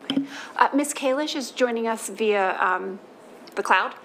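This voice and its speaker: A woman chairing a formal public meeting, asking questions in measured, halting phrases. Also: on the high side, fairly bright tone. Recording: faintly noisy meeting room.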